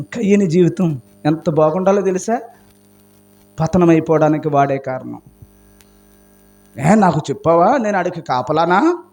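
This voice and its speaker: A man's voice: extremely high pitch, a little mellow. A male pastor preaching a sermon with passion, asking his congregation question after question. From India. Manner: impassioned preaching with rhetorical questions.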